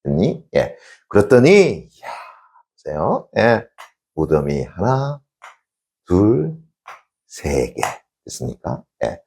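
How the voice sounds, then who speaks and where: A man's voice: lowish voice, slow pace, gravelly, pauses often, husky. A male teacher telling a classical tale in a lecture, constantly checking in with his students and answering himself. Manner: animated storytelling, sound effects. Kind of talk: Korean classics lecture, storytelling.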